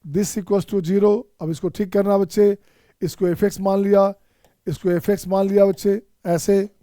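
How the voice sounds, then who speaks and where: A man with an Indian accent teaches math in an online lecture, coaxing his students with repeated questions. His voice is warm and dark, sitting fairly high but flat in melody. The sound is dry and close. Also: measured pace, dry recording. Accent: Indian English. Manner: coaxing, repetitive, addresses students as children. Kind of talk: online exam-prep lecture.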